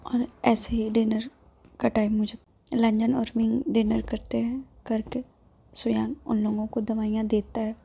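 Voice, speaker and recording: A woman casually retelling a drama story, relaxed, with fillers and English words mixed in. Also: fairly high pitch, unhurried, creaky, husky.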